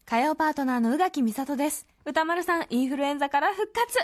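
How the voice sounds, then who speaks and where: A woman with a high voice reads a scripted recap for a radio show. She is bubbly and gushes like an excited fan. Her delivery mixes script with little asides. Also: fast. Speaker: radio co-host.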